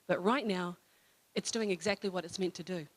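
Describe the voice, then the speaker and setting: A woman with a New Zealand accent giving an informal sermon at church, telling a story in a chatty way with fillers and self-corrections, then reading a psalm slowly. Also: on the low side. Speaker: church speaker. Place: church hall.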